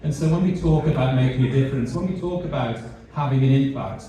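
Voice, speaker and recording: A middle-aged British charity CEO with a warm, mid-range voice speaks at a fundraiser in a large event hall, adding light humour. His delivery is halting and self-deprecating, with words repeated. The sound is echoey, captured by a distant mic.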